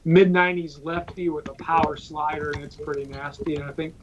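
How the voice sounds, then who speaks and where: A man giving a scouting analysis on a live panel, thinking aloud with fillers and trailing off quietly. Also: fairly high pitch, little pitch movement, brisk, lo-fi sound, noisy background.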